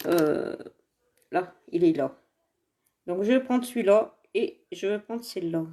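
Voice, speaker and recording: A woman's voice: mid-range voice, animated, measured pace, warm tone. A woman chatting and rambling through a casual live makeup demo, laughing often and greeting viewers by name, filmed on a phone at home. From Saint-Étienne area, France. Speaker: direct seller presenting makeup products. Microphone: phone camera in front of her.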